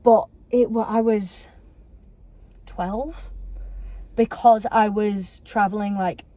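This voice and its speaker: Mellow-voiced young woman. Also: mid-range voice, fairly even intonation, dry recording. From Yorkshire, England. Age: 20s. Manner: rambling, self-interrupting, quick to laugh along. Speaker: podcast co-host. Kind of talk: casual chat.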